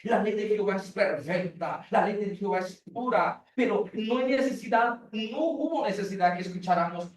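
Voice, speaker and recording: A man, a pastor, giving a sermon, preaching emphatically and repeating his phrases. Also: sits high. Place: church. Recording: echoey hall, mic far off.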